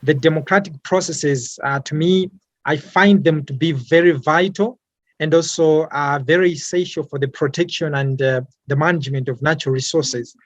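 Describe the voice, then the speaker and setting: A young man from Malawi answers interview questions in a slightly high voice. He talks haltingly, full of fillers and repeated words. The sound is dry and close, with no room around it. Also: steady tone, dry recording, dull audio. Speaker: interviewee, climate activist.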